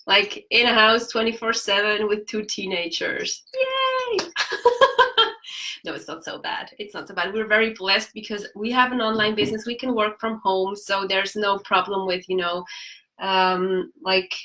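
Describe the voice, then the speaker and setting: Bright-voiced woman, bubbly chat. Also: mid-range voice, little pitch movement, normal speed. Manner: bubbly, laughs often, searches for English words. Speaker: coaching show host. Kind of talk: casual livestream chat. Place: room at home.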